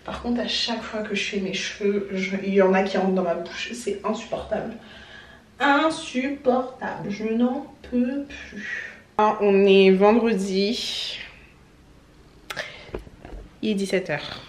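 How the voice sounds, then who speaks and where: A young adult woman chatting casually to camera at home as a beauty vlogger, expressive and quick to poke fun at herself. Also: mid-range voice, recorded from a distance. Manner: chatty, expressive, self-mocking. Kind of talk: casual vlog chat. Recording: roomy, from the mic, faint background hum.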